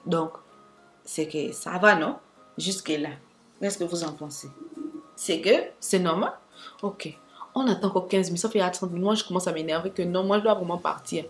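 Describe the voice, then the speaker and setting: Over soft background music, a young woman with a fairly low voice narrates a dramatic storytime vlog at normal speed. She addresses her viewers directly, tossing in asides throughout the animated monologue.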